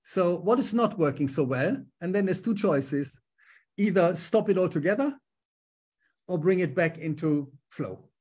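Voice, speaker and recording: A middle-aged German-accented man, a business coach, chats in a casual video-call interview from a lamp-lit room at home. His voice is high, husky and darkish, with lively intonation and an unhurried pace. He comes across as upbeat and talkative, dropping frequent ums.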